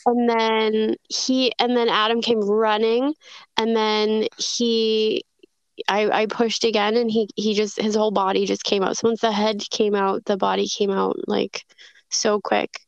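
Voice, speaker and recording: A woman's voice: mid-range voice, level tone, a little slow, clear, resonant tone, no room sound, highs cut off. A woman being interviewed, telling a personal story in a reflective, hesitant way with many fillers and restarts. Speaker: guest.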